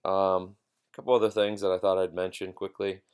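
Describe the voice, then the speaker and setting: A man giving an informal philosophy lecture in a halting, reflective way, repeating phrases for emphasis. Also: low-pitched, little pitch movement, darkish tone, clear, resonant tone.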